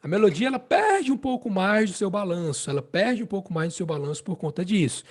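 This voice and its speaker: In a high, expressive voice with a darkish tone, this man teaches harmonica casually, his Brazilian Portuguese accent clear. Patient and slow, he repeats himself and often asks the listener "né?" or "entende?".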